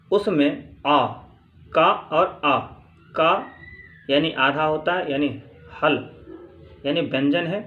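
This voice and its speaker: A man teaching grammar, reading from a textbook and explaining slowly, repeating points and answering his own questions. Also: on the high side, bright, forceful tone, muffled recording. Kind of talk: spoken lesson reading from a textbook.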